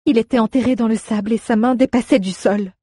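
A woman's voice: fairly high pitch, fairly even intonation, fast talker, dark tone, slightly rough, no room sound, studio quality, pitched above the performer's own voice. A woman voicing a young girl who is a scrappy street thief, urgent and pleading.

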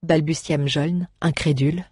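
A woman narrates a fantasy tale with a low, husky voice. Her reading is measured and expressive, and the recording is close and dry, with no room sound. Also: dry recording. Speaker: audiobook narrator. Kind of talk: scripted storybook narration.

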